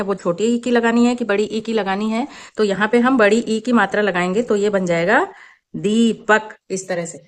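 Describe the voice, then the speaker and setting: A woman hosting her own channel, explaining a children's worksheet slowly and patiently as a teacher, mixing in English words. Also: mid-range voice.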